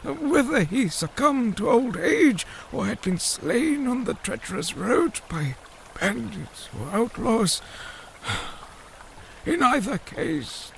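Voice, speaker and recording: An actor plays a long-winded old fish-man scholar in an audio drama, narrating with a gravelly, halting, formal manner in a high voice. The performance is heavily acted, and the rough recording has a slight hiss or hum.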